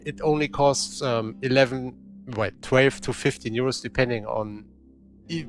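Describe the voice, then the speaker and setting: A man talks through a game in loose, casual commentary, middle in pitch. He rambles and corrects himself as he goes, with faint music under his voice. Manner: chatty, rambling, self-correcting. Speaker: gaming channel host.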